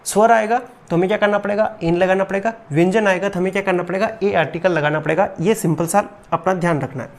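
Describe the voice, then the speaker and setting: A woman's voice: mid-range voice, quick pace, few pauses. A woman teacher giving a classroom grammar lesson. She patiently repeats each rule, keeps asking rhetorical questions, and calls her students "beta".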